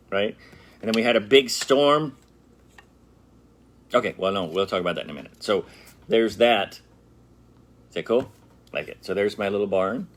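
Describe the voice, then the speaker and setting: A middle-aged man hosting a casual brick-building tutorial, chatting playfully and straight to his viewers as he works. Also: lowish voice. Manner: chatty and playful, talks straight to viewers, hums and jokes while working. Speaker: brick-building channel host.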